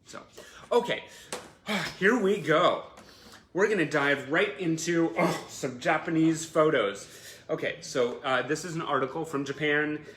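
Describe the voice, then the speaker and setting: Hosting a casual live online show for his fans, this man is warm and effusive, gushing with encouragement. He has a fairly high voice and an unhurried pace. The indoor room adds a roomy echo, and there's faint background noise.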